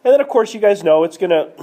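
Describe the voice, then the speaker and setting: Casting: male classroom math teacher, coughing now and then, animated delivery, talks to students. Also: high voice. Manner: checks in with students, asks questions. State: coughing, slightly hoarse. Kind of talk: classroom lecture screencast. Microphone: tablet screencast mic.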